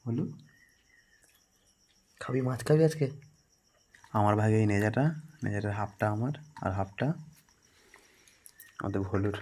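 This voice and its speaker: Low-voiced Bengali man vlogging at home. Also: measured pace, long pauses. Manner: chatty, often drops to a hushed murmur, calls out loudly to his dog. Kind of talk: casual home vlog narration. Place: home, indoors.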